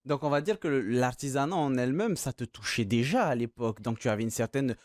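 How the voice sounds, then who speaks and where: A man's voice: mid-range voice, expressive, fairly quick, a little mellow, dry recording. A man hosting a studio interview, asking questions in a conversational way with some fillers. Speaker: TV host.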